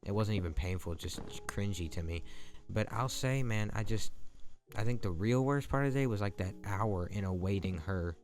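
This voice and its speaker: With background music behind him, this gaming channel host spins a long, meandering story as he plays. He's a young man with a fairly low, darkish voice and a normal speaking speed.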